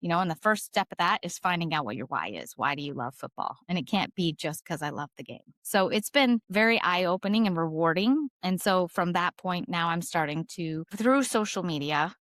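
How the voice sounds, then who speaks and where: A woman's voice: on the low side, animated, moderate pace, few pauses, a bit bright, no echo. A woman in her forties, a podcast guest, telling her story candidly and with emphasis, laughing easily. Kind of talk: conversational interview storytelling.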